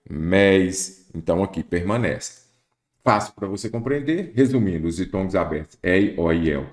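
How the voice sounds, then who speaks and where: A man's voice: deep voice, roomy sound. A Brazilian man teaching an exam-prep lesson, explaining step by step and putting questions to the listener. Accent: Brazilian Portuguese. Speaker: Portuguese teacher.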